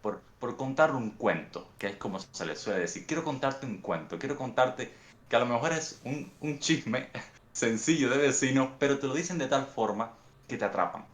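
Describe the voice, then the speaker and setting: A young Cuban man with a Cuban accent talks through his answers in an unhurried, reflective way, often circling back to restart a phrase. His voice sits at an ordinary middle pitch. It carries a noticeable roomy echo. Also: expressive. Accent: Cuban Spanish. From Cuba. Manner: thoughtful, unhurried storytelling with frequent restarts. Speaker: guest author.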